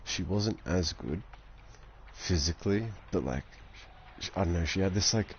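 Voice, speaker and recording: A man's voice: low voice, normal speed, muffled recording, slight background noise. A young man chatting casually on a game live stream, rambling and swearing constantly.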